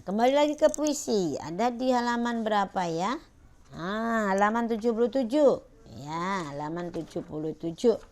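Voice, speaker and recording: A woman teacher speaks slowly and patiently to her pupils, with a gravelly edge to her voice. She leans on little "ya" and "nah" checks as she explains each point. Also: mid-range voice. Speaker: primary school teacher. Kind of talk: recorded class lesson.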